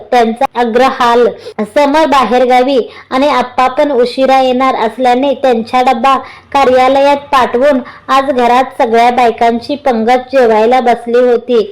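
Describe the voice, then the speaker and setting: A woman narrating a romantic family story with steady, even storytelling. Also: sits high, poor audio. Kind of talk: storybook reading.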